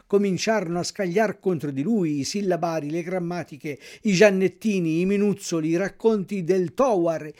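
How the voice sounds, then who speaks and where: A man reading a classic children's tale aloud as narrator, in an expressive storytelling manner. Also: sits high.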